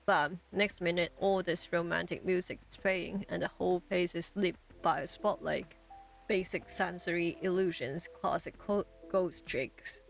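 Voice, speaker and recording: A woman's voice: on the low side, gravelly. A woman reading aloud a ghost-hunting character from a game, telling the story in a wry, matter-of-fact way.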